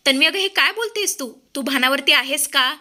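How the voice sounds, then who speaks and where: A woman's voice: high voice, expressive, fairly quick, pushed and bright, exaggerated voice. A woman voicing an angry, shocked young husband questioning his wife. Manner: pleading, indignant.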